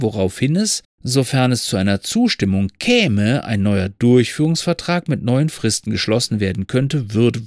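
A man's voice: mid-range voice, a little mellow, dry recording, clean studio sound. A man hosting a podcast, musing in a wry, rambling way and reciting a poem. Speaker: podcast host. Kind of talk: monologue and poem reading.

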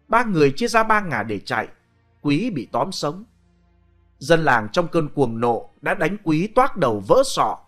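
A man's voice: fairly high pitch, a bit bright. A man narrating a spoken story in a dramatic, vivid storytelling manner.

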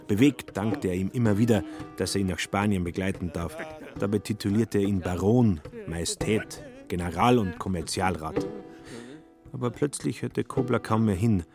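Low-voiced man narrating a radio play. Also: over music. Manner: measured, vivid storytelling.

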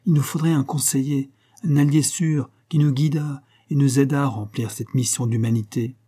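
A man's voice: mid-range voice, fairly even intonation, normal speed, dark tone, breathy edge, natural voice. A man voicing a level-headed young Frenchman who reasons persuasively with his friend.

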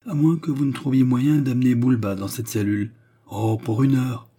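A man voicing an old Russian priest in an audiobook, speaking slowly and then making vengeful threats. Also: medium pitch, steady tone, warm tone, slightly rough. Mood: weary.

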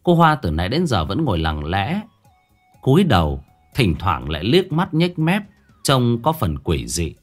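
Casting: male storyteller, folk horror narration, animated and colloquial, soft music underneath. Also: lowish voice, measured pace. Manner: lively, colloquial, expressive telling.

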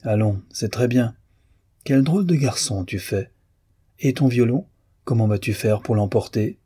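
A man's voice: medium pitch, a little slow, mellow, breathy edge, dry recording, studio quality. A man voicing a wry, teasing male doctor who banters with a clever young man. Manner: bantering, ironic.

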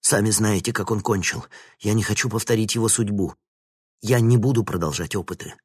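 A man's voice: on the low side, a little fast, husky, no room sound, studio quality. A man voicing an agitated plump male professor who protests indignantly and raises his voice. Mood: defiant, agitated. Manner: shouting, outraged, pleading.

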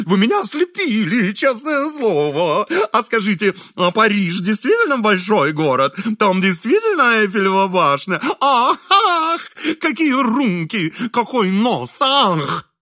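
A man voicing a fawning, excitable man who gushes compliments in breathless exclamations, in an audiobook reading. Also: extremely high pitch, no echo, clean studio sound, pitched above the performer's own voice, full character voice.

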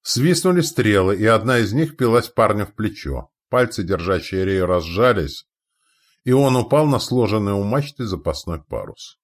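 A man with a very low, dark voice narrates a historical adventure story. His pitch swings widely as he acts out the characters' lines. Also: big pitch swings, normal speed. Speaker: audiobook narrator.

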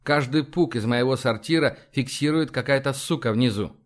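A man's voice: mid-range voice, normal speed, close to an everyday voice. A man voicing a shrewd, sardonic male admiral in a sci-fi audiobook, dry and conspiratorial.

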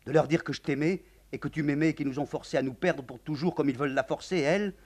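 A man's voice: on the high side, steady tone, quick pace, a little mellow, voice pushed up, close to an everyday voice. A man voicing a passionate, rebellious young man who speaks fervently in a play reading. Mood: defiant. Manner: fervent, declamatory.

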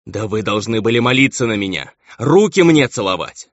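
A man's voice: fairly low pitch, expressive, moderate pace, no echo, pitched above the performer's own voice, lightly acted. A man voicing a pompous, contemptuous baron and cruel husband, on a dull, lo-fi recording.

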